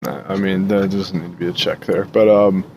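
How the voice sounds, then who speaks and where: A man's voice: deep voice, level tone, moderate pace, darkish tone. A man narrating a tabletop game as dungeon master in a casual, laughing way.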